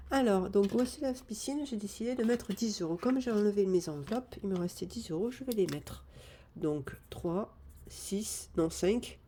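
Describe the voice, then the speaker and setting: A woman chatting casually live on a phone camera, thinking out loud as she sorts and counts cash. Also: medium pitch, breathy edge. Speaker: budgeting vlogger.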